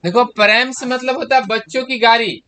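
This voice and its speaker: A man's voice: extremely high pitch, brisk, a crowd in the background. A man, teaching a class and walking students through exam answers by asking them questions. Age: 30s. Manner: explains step by step, quizzing students with questions.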